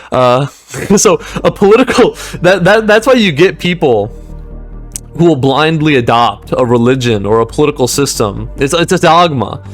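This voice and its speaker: A young man in a rambling, meandering monologue, often restarting sentences and laughing between points. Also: on the high side.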